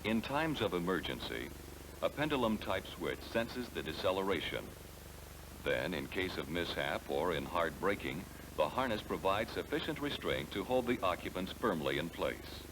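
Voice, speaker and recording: On the soundtrack of a 1970s training film, an American man narrates a script in a measured, explanatory manner, speaking directly to the listener. His voice is low with big pitch swings, and the background is noisy.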